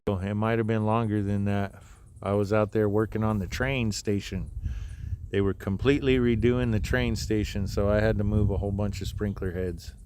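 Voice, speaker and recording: A man with a fairly low voice chats loosely to his live-stream viewers, drifting from one aside to the next. He is outdoors in a breezy spot, and faint outdoor noise sits under his voice. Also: steady tone, moderate pace, darkish tone. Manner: rambling and loose, with many restarts and asides. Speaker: livestream host. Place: outdoors near wind turbines, breezy.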